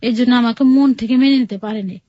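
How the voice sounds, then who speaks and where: A radio interview guest with a Bangladeshi Bengali accent, from outside Sylhet in Bangladesh, tells her personal story in a straightforward, chatty way, including quoted exchanges. Her voice is fairly high and brisk, and the audio has its highs cut off.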